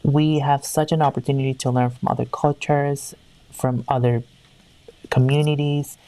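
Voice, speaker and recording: Her very deep voice barely shifts in pitch, moves at a moderate pace, and has a dark tone, captured dry and in low quality. She is a Peruvian HR executive answering a conversational interview with earnest restarts as she searches for words.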